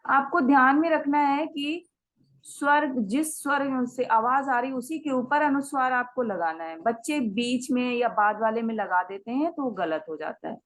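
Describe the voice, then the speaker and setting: A woman teaching a Sanskrit grammar class. She explains step by step, sounds out each example word slowly, mixes English words into her Hindi and keeps checking in with her students. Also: high-pitched, low-quality recording.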